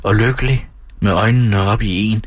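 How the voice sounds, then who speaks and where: Casting: male audiobook narrator, deep husky voice, measured storytelling, dry close sound. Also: no room sound. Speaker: audiobook reader. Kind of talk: scripted literary narration.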